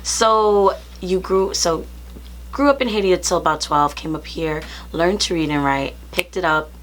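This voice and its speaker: A woman's voice: fairly low pitch, normal speed, slight background noise. A woman hosting a casual interview, encouraging her guest and affirming him often. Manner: encouraging, with many affirming fillers. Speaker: interview host.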